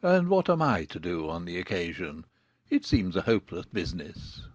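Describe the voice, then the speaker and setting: A man playing a dry, ironic middle-aged gentleman father in a dramatized audiobook, with measured formal delivery. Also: low voice, sing-song, no room sound. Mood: dry, resigned.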